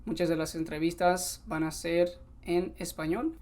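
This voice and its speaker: A man in his twenties from Sacramento, California, who was also raised in Mexico, hosts a solo podcast episode, switching between English and Spanish in an earnest, conversational way. His voice is on the high side and darkish, with fairly even intonation and a moderate pace.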